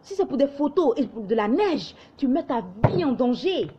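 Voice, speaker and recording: A woman's voice: high-pitched, animated, moderate pace, muffled recording, noisy background. A young woman from Ivory Coast with a light Ivorian accent, delivering an impassioned, lecturing monologue to camera. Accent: light Ivorian French. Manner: lecturing, exhorting, mimics others in quoted asides. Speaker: online commentator.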